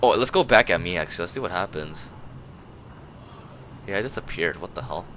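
A man's voice: low-pitched, brisk, background noise. Goofy young man yelping through gameplay. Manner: jokey, rambling, bursts of excited yelps and laughter. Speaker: gameplay commentator. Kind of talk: goofy live gameplay commentary.

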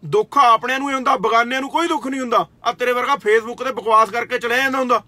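A man's voice: very high-pitched, fairly even intonation, fast talker, pushed and bright, no echo. A young man with an Indian Punjabi accent, a kabaddi player, scolding his critics in a confrontational rant that repeats "theek aa". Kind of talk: angry direct-to-camera rant.

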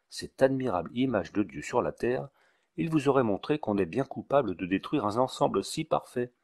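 A man's voice: fairly low pitch, a little mellow. A man reading the part of a long-winded, ceremonious village doctor in an audiobook. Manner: wordy, ceremonious, preachy.

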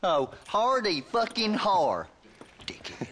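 An actor playing a surly, hostile deputy in a video game, with a gruff drawl. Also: male voice, mid-range voice, very animated, unhurried, background noise. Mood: sulky. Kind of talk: video game cutscene acting.

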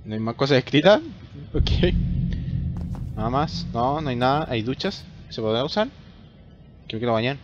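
A man's voice: mid-range voice, animated, moderate pace, long pauses, muffled recording, music in the background. A young man with a Chilean accent giving nervous, jumpy commentary while playing a horror game. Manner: jumpy, nervous, talks to himself. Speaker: gamer.

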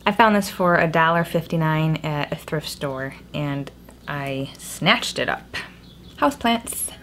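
Low-voiced young woman in a cave-like echo. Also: unhurried, fairly bright tone. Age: young adult. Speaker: book haul vlogger. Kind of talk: casual book haul chat. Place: small indoor room at home. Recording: echoey cave-like room, clear background noise.

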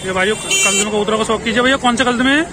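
A high-pitched man with a Western Uttar Pradesh Hindi accent vlogs while walking through a busy outdoor pigeon market, talking to sellers and viewers. His brisk promotional patter keeps urging viewers on. The recording is noisy with crowd chatter and traffic.

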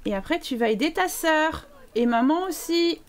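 A woman's voice: high-pitched, expressive, moderate pace. A woman streaming a life-sim game live, chatting playfully to her characters and thanking viewers as she goes. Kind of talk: live gameplay commentary.

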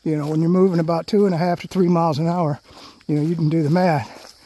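Man, high voice, casual hiking vlog, rambling, chatty, recorded outdoors, crickets in the background. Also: steady tone, quick pace, dark tone, slight background noise. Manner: rambling, chatty, frequent "you know". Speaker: hiking vlogger. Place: outdoors on a grassy trail through palm scrub.

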